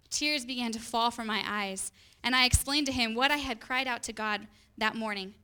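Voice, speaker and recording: Young woman telling her faith story, high bright voice, earnest. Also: moderate pace, smooth. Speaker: student literature evangelist. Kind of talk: personal testimony.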